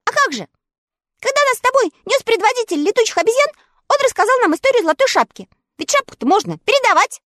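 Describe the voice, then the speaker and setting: A woman voicing a small, clever, boastful male dog who chatters quickly and eagerly. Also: very high voice, big pitch swings, a bit bright, no echo, clean studio sound, pitched above the performer's own voice, heavily acted.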